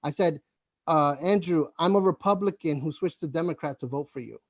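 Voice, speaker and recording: Casting: man, high voice, volunteer thanking on a video call, stammers and restarts, dry close sound. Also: dry recording. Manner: halting, stuttering, many restarts. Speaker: campaign volunteer. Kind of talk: casual video-call chat.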